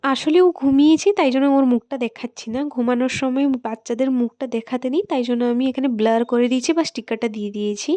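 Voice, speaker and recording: A woman's voice: high voice, fast, hardly any pauses, dark tone. A woman with a West Bengal accent, chatting casually in a home vlog and speaking straight to her viewers from her kitchen. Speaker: vlogger.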